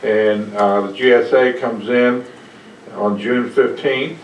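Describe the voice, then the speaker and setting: A man's voice: medium pitch, steady tone, slow pace, muffled recording, slight background noise. A man at a council meeting giving dates hesitantly and correcting himself. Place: council chamber. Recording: echoey chamber, distant mic.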